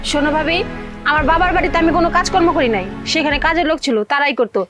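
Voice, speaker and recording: A woman's voice: sits high, very fast, natural voice. A woman, playing a spoiled, haughty young wife in a TV drama, with music underneath. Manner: haughty, sulky. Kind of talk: TV drama acting.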